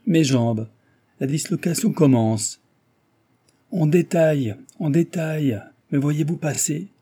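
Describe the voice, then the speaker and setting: A man voicing a joking, quick-witted young male fiancé in an audiobook, in a playful, teasing tone. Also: a little high, mellow, slightly rough, voice pushed up.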